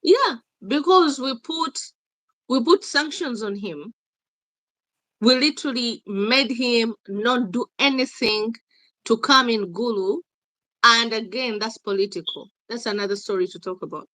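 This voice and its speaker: A Ugandan woman, an activist appearing as an interview guest, talks in a slightly high, slightly slow voice with a fairly bright tone. She is emphatic and insistent, repeating her points while mixing English and Luganda. The recording is dry.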